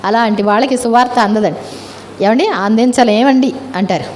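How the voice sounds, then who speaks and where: A woman's voice: on the high side, animated, normal speed, slight background noise. A woman preaching a sermon in Telugu, often turning questions to her listeners and answering them herself. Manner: keeps asking listeners "ఏమండి?" with rising questions.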